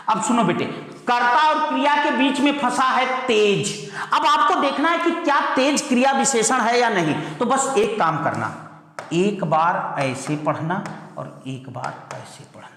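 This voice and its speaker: Hindi grammar teacher in an echoey hall. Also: male voice, sits high, fairly bright tone. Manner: calls students "beta", repeats key words slowly. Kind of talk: exam-prep grammar lesson.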